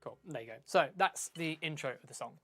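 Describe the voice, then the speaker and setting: A man teaching drums in a live stream, talking casually, sounding out beats with syllables, often pausing and correcting himself. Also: a little high, expressive, pushed and bright. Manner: casual, vocalizes drum patterns with syllables; hesitant, many fillers and self-corrections. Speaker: drum teacher. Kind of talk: live-streamed drum lesson.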